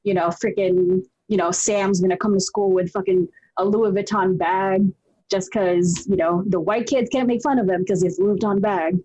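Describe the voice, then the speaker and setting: A woman's voice: mid-range voice, steady tone, normal speed, warm tone, highs cut off. A young woman from the Philippines, co-hosting a casual group chat, talkative and swearing freely. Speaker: podcast co-host.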